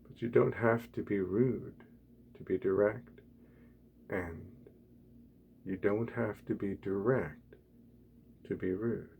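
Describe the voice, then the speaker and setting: A man speaking softly and quietly as if at night, reading and reflecting in halting, deliberate short phrases, ASMR style. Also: fairly low pitch, steady tone, phone-quality sound. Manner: quiet, hushed night-time talking. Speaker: blogger reading from own blog. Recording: clear background ambient noise.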